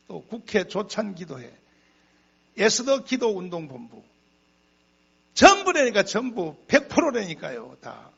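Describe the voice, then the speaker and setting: A man's voice: sits high, gravelly, breathy edge, dull audio. A male pastor preaching a sermon, telling stories with emphatic repetition and chuckling asides. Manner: emphatic, repeats phrases for effect; animated storytelling with chuckling asides. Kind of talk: sermon to a congregation.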